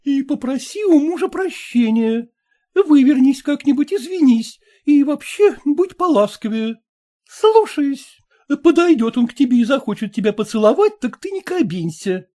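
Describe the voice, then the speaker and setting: A man's voice: extremely high pitch, big pitch swings, moderate pace, warm tone. A man voicing a scolding, fussy middle-aged mother, reading a story aloud in a nagging tone. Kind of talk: audiobook character voice.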